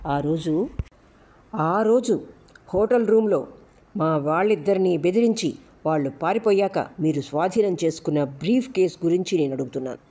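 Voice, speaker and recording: Give me a menacing male smuggler, as a woman puts him on, taunting and commanding, lowish and mellow. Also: lively intonation, normal speed. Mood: accusing. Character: menacing male gold smuggler, gruff and mocking.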